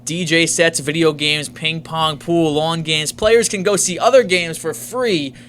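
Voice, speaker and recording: A man's voice: fairly high pitch, unhurried, fairly bright tone, slight background noise. A man hosting a sports podcast, leading the topics in an upbeat, casual way. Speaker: podcast host.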